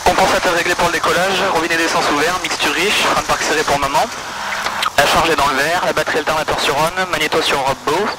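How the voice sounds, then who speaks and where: A man's voice: fairly high pitch, fairly even intonation, fast. A man training as a pilot, giving methodical, terse procedural callouts and radio calls over a pilot headset. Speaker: student pilot. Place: small light aircraft cockpit. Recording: pilot headset, loud aircraft engine noise.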